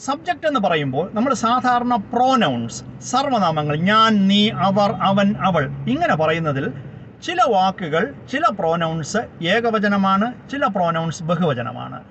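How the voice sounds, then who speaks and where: High, lively-voiced male grammar teacher. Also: a little slow. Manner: spells words out letter by letter and gives each translation. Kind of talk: slow explanatory grammar lesson. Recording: slightly dull lo-fi recording with faint background noise.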